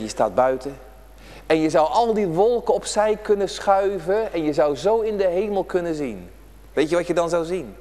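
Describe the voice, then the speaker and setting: Animated preacher man, high lively voice. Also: long reverb tail. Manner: emphatic, repetitive preaching addressed to children. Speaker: pastor. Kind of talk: children's prayer-day sermon. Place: church.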